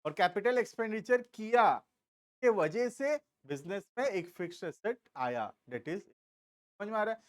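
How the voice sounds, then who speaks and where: A man with an Indian accent teaching a commerce class, explaining slowly and stopping to check that students follow. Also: high voice, expressive, no room sound, clean studio sound. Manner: explains slowly, asks checking questions, drawls key terms. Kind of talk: classroom lecture.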